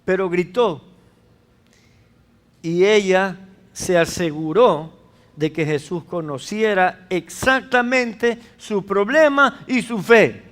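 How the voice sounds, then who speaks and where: A male pastor delivers a sermon in a fairly high voice. He preaches emphatically and keeps asking the congregation rhetorical questions. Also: animated, takes it slowly, a bit bright.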